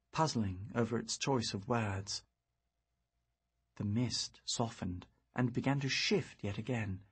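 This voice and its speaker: Male audiobook narrator for first-person fantasy; very breathy, husky tone, lively pitch, unhurried reflective read. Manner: measured, reflective storytelling.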